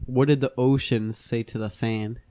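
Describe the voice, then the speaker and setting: A young man chatting casually late at night, cracking deadpan, dry jokes. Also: medium pitch, moderate pace. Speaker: podcast guest.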